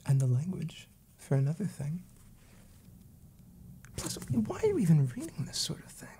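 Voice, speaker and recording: A man's voice: fairly high pitch, wildly swooping pitch, moderate pace, warm tone, slight background noise. A man in his twenties playing a fussy, exasperated, wordy librarian scolding a child in an ASMR role-play. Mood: exasperated, dismissive. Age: 20s. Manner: prim, wry, wordy.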